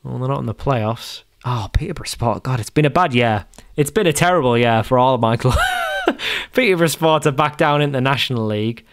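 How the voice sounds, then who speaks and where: A man's voice: mid-range voice, fast talker. A young man giving casual commentary over a football management game, exasperated and repeating himself as he talks to himself. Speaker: gaming YouTuber.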